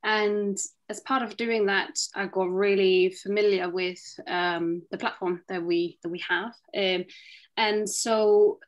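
A woman speaking as a panelist over a video call, thoughtful and hesitant, with many pauses and restarts. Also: medium pitch, fairly even intonation, muffled recording. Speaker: panelist, product director. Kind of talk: panel answer, casual. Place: home room, indoors.

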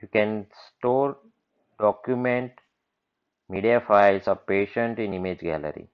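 This software demonstrator, a man with a very deep voice, moves unhurriedly and smoothly through a screen-recorded walkthrough, covering one screen at a time. His delivery is plain and matter-of-fact, and the sound is dull and lo-fi, as if from a basic computer microphone.

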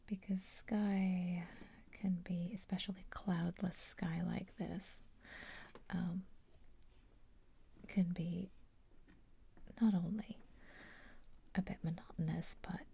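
A woman with a soft, breathy, whispering voice, murmuring to herself in short fragments as unhurried ASMR commentary. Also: on the low side, flat delivery.

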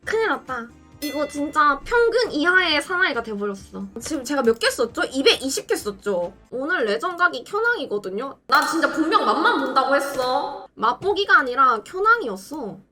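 A synthetic woman's voice narrates gameplay in a high, very lively way, bursting into dramatic pleas and cheers. Its tone is bright and sharp. Faint music plays behind it. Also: normal speed, hardly any pauses. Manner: excitable, dramatic outbursts and pleading. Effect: text-to-speech voice. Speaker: game streamer. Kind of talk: gameplay commentary.

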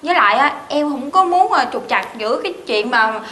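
A woman's voice: high-pitched, lively intonation, fairly quick, pushed and bright. A woman in her twenties with a southern Vietnamese accent, acting a stubborn, blunt bride-to-be in a comedy skit, insistent and fretful. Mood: annoyed. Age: 20s. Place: indoors, tiled rooms. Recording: echoey room with clear noise.

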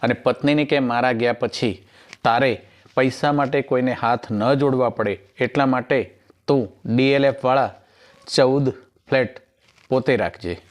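A man's voice: medium pitch, unhurried. A male comedian, telling jokes in a rustic storyteller manner and acting out each character. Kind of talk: stand-up joke telling.

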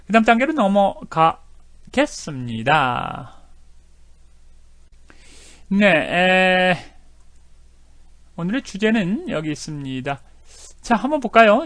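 A man teaching an English video lesson, animated, repeating words over and over to demonstrate how they sound. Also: high voice, slow pace, long pauses, no echo.

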